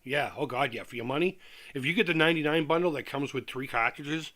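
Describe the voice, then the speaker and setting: Bright-voiced man with toothless, lips-over-teeth diction. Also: a little high, fast. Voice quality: speaks over missing top teeth, slightly lisped, lips-over-teeth diction. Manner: rambling, candid, repeats himself. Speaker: livestream host. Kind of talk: casual livestream chat.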